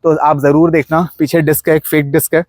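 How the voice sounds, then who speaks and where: A man's voice: fairly high pitch, little pitch movement, a little fast, a little mellow, no echo. A young man with an Indian accent giving a casual, chatty walkaround of his modified car, pointing things out as he goes. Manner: chatty, mixes Hindi and English, points things out.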